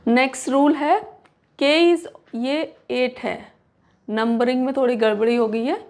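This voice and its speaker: Give me a woman teacher with a slightly high, gravelly voice, drawing out each pronunciation rule. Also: steady tone, darkish tone. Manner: slow, drawn-out English rule reading with repeated examples. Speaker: English teacher. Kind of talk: Hindi-English pronunciation lesson.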